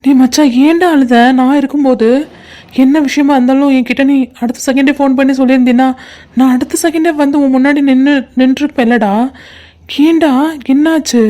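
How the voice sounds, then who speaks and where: A woman's voice: high-pitched, steady tone, brisk, mellow, natural voice. A woman voicing a caring young man. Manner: consoling, affectionately scolding. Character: loyal young man, caring best friend. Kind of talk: cartoon voice acting.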